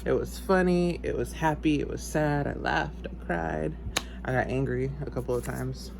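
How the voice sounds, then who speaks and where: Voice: medium pitch, normal speed, creaky, very noisy. A book haul vlogger from Texas with a congested, sniffly voice, chatting casually and rambling into asides and self-corrections. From Texas, United States. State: sniffly, stuffed-up nose. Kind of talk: casual chat.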